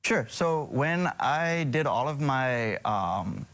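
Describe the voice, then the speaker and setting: A man's voice: medium pitch, expressive, slow pace, a bit bright. A middle-aged man from Hawaii, a surgeon guest on a morning TV show, speaking hesitantly with many ums and restarts.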